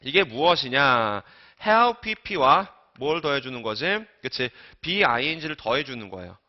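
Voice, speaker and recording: A man's voice: mid-range voice, sing-song, normal speed. Guy teaching grammar, keeps asking then answering himself, bouncy voice, kinda muffled lo-fi recording. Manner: coaxing, asks and answers his own questions; trails off quietly at ends of phrases. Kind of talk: recorded online lecture. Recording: dull lo-fi lecture recording.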